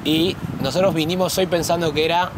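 A man grumbles about his team in a deadpan, ironic way. His slightly high voice comes with clear street noise around it. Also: fairly quick. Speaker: guest team player.

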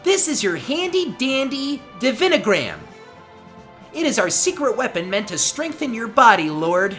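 A woman's voice: a little high, sing-song, moderate pace, fairly bright tone, soft background music. A woman playing a polite, eager young angel girl in a video game, explaining things in formal, deferential language. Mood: bright, eager. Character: polite, chirpy young girl angel serving her lord.

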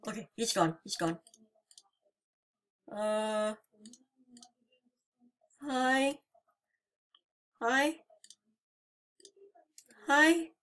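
Slow-talking nervous woman gamer. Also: a bit bright. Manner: nervous and jumpy, greets the monsters in a high sing-song voice. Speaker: gaming channel host. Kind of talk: horror game let's-play commentary.

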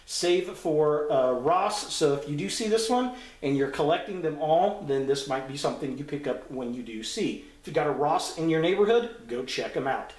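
A man hosting a casual toy review video, talking in a relaxed, rambling way with lots of fillers. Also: fairly high pitch, moderate pace, hardly any pauses. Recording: echoey room.

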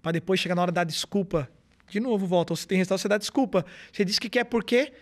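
Male speaker, high voice, animated storyteller. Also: fast. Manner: animated storytelling, acts out quoted dialogue. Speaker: guest speaker. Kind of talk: podcast interview.

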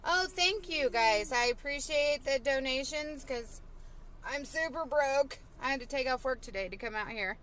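A woman in her thirties is live streaming from a parked car, reading viewer comments and chatting casually with lots of fillers. Her voice is high-pitched and fairly bright, and she speaks at a moderate pace. She records on a phone held at arm's length.

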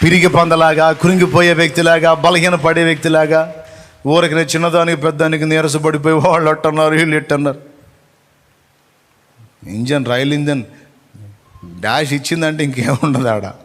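Male pastor, higher voice, exhorting sermon delivery that swings from loud calls to hushed asides, recorded in a reverberant church. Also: little pitch movement, normal speed, long pauses. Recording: long reverb of a church hall.

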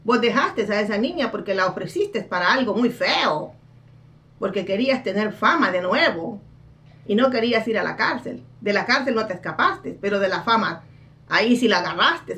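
A woman's voice: mid-range voice, fairly bright tone, far from the mic. A woman playing a brash female psychic who scolds and mocks in a dramatic comic card reading. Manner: scolding, dramatic, laughs at her own jabs.

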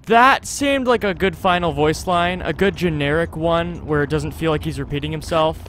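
A young gaming video host plays through a game casually, joking wryly and acting out exaggerated exasperation. His voice is a little high and fairly bright, at normal speed. He is close to a USB desktop microphone, with a little hiss or hum in the audio.

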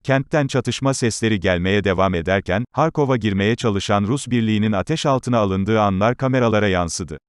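A man narrates the news in with a fairly deep voice. His delivery is scripted, formal and measured. The sound is very dry, with no room reflections. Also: clean tone, no room sound.

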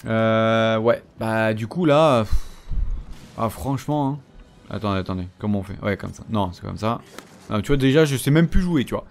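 A man's voice: fairly low pitch, slight background noise. Chatty man taunting game enemies. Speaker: gameplay commentator. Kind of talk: casual let's-play commentary.

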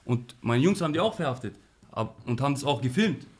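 Young man, street slang, animated storytelling, mid-pitched voice. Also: fast talker, breathy edge. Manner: animated, slangy, frequent "Bruder" and "weißt du". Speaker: interview guest.

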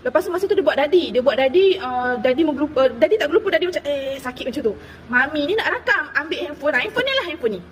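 Woman from Terengganu, casual storyteller, high and quick, chatty with lots of fillers. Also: slight background noise, low-quality recording. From Terengganu, Malaysia. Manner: animated, chatty, full of fillers. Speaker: woman sharing a personal experience.

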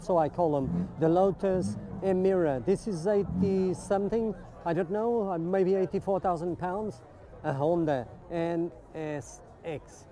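A man's voice: on the high side, warm tone. A man giving casual, enthusiastic walkaround commentary in an outdoor car park, admiring things and asking his viewers questions. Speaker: vlogger touring a car meet.

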